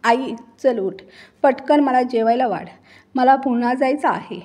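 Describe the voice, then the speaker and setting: Woman reading as an impatient husband, curt and bossy, husky. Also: high voice, a little slow, a little mellow. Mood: angry. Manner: curt, growling orders. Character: angry, impatient husband, male, adult.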